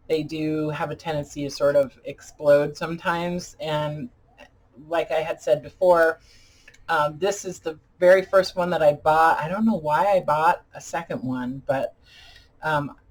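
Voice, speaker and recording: A woman chatting casually as a craft video host, halting and deliberate, her speech slightly impeded by dentures as if her mouth were full of peanut butter. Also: low-pitched, fairly even intonation, poor audio. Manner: halting, deliberate, pausing often. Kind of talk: casual chat tutorial.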